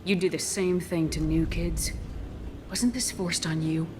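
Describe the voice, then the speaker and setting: A woman voicing a level-headed military space commander in a video game, calm and authoritative. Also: fairly low pitch, measured pace, a little hiss or hum, close to an everyday voice. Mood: probing.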